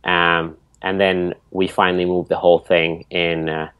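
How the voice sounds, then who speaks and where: A man's voice: low voice, flat delivery, unhurried, smooth, no echo, muffled recording. A man from Finland with a Finnish accent, a podcast guest telling his story in loose, rambling answers full of fillers. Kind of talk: casual interview.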